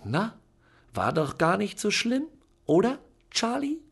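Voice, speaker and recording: A man voicing a scheming old great-aunt who coaxes a boy in a high sing-song, with a gravelly edge. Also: huge pitch swings, slow pace, full character voice. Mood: triumphant.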